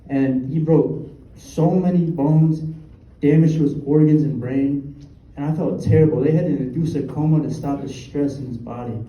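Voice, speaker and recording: A young man doing a stand-up comedy set, with a dry, halting delivery and deadpan punchlines. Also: fairly high pitch, lo-fi sound. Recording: roomy sound, mic at a distance, faint ambience.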